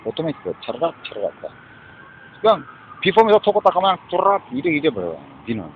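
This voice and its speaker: A man with a Korean accent and a higher-pitched, breathy voice rants angrily and rambles, his pitch swinging wildly at a brisk pace. Like a street preacher, he curses heavily, mixes Korean with English, and keeps ending lines with a challenging "eh?". The recording is dull and lo-fi.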